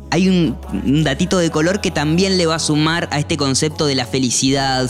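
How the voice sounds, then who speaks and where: A man co-hosting a casual music review chat, talking in a relaxed, chatty way with frequent fillers. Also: medium pitch. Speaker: podcast co-host.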